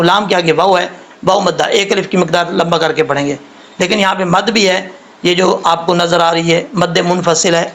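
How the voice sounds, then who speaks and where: A man teaching Quran recitation, patiently explaining pronunciation step by step and slowly modeling each sound. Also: sits high, vocal fry, a bit bright, rough recording.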